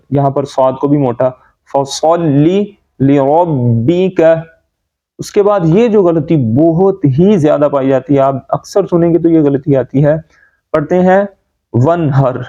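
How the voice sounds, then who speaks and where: A man teaching correct Quran recitation, explaining common pronunciation mistakes and then reciting words slowly to demonstrate. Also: fairly high pitch, warm tone, dull audio. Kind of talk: tajweed lesson.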